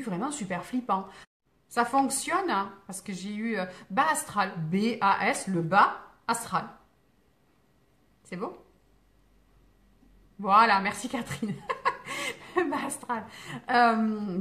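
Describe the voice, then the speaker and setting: Woman medium chatting live on her phone, rambly, lots of euh and restarts, calm reassuring vibe. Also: medium pitch. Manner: digressive, many fillers and restarts, reassuring tone. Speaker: spiritual medium hosting a live stream. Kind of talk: rambling casual live talk, answering viewer comments.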